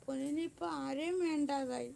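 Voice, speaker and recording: A woman's voice: sits high, steady tone, fairly quick, gravelly, mellow, slight background noise. A woman in a defiant vlog monologue who repeats herself and speaks of herself in the third person. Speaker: YouTube channel owner.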